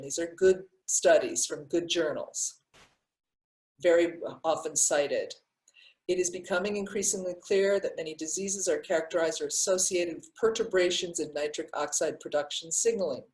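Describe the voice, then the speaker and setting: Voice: medium pitch, darkish tone, echoey room, low-quality recording. A breathwork teacher explaining science casually with many restarts, then guiding a class through breathing exercises.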